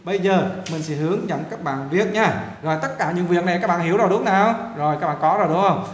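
A man's voice: sits high, quick pace, roomy sound. A man teaching an English lesson with a Vietnamese accent, repetitive and coaxing, often checking in with his viewers. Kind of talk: casual classroom lesson.

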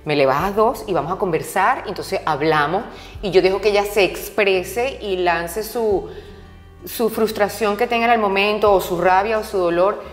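A woman guest tells her stories in a candid, conversational way, leaning on repeated words for emphasis. Her voice sits at an ordinary middle pitch. The room rings with a long, roomy echo, and soft music plays underneath. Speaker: interview guest. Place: interview set.

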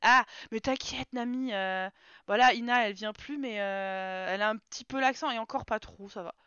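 Woman, smooth clear voice, casual game commentary, dry slightly dull stream audio. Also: fairly high pitch, normal speed, sharp tone, dry recording. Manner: chatty, talks to her game characters. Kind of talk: casual live gameplay commentary.

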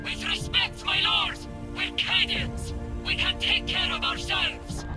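An actress playing a brisk, confident female guard soldier in a video game. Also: extremely high pitch, vocal fry, over music, heavily acted. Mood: curt. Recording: game soundtrack behind.

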